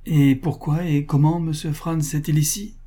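A man voicing a poised, worldly marquise with a calm, wry manner in a read story. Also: a little high, normal speed, pitched above the performer's own voice, natural voice. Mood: tender.

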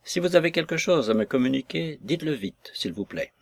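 A male reader playing an older lawyer who stays calm, measured and unmoved. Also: on the high side, creaky, dry recording, voice pushed up. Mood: cold calm.

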